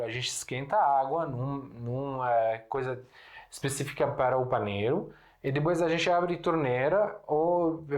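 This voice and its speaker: Guy teaching words, easygoing, keeps asking "right?", mid pitch. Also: a little mellow. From Syria. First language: Arabic. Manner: explains slowly, writes on a board, checks in with "né?". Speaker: Arabic teacher. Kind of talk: casual language lesson.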